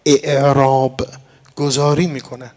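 A man with a medium-pitched, level, slightly mellow voice delivers a teaching sermon. He treats his listeners as dear friends, explains his points, and weaves in recited verse and Arabic.

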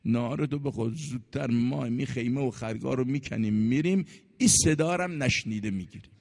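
A man preaching as he voices a devoted male warrior torn between fear and loyalty, in a low, grave tone that climbs to impassioned cries. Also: vocal fry, darkish tone. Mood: fearful. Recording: long reverb in a large hall.

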